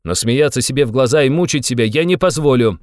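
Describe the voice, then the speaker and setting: A man voicing a feverish, defiant young male student who speaks in a clipped way and bursts into shouts. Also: medium pitch, lively intonation, quick pace, no echo, studio quality, close to an everyday voice.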